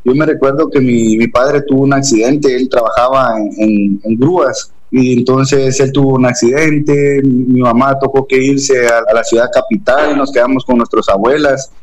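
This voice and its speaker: A young man from Guatemala with a Guatemalan Spanish accent, telling his personal story earnestly and haltingly, with frequent restarts. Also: medium pitch, fairly even intonation, rough recording. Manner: earnest, hesitant, many restarts and fillers like "pues". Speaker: interview guest. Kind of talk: personal testimony.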